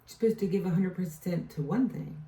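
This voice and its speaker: A woman's voice: lowish voice, a little fast, dark tone. A woman giving a casual tarot reading, rambling and often trailing off to restart her thought. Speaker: tarot reader. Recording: echoey room, distant mic.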